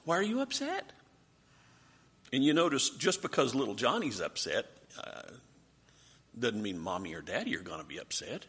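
Animated husky-voiced man teaching Bible class. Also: fairly low pitch, moderate pace.

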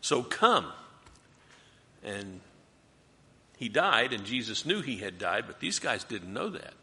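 Bible study leader, male, lively questioning delivery, bright tone in a reverberant room. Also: mid-range voice, takes it slowly. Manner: animated, asks the group questions. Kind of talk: group Bible study teaching.

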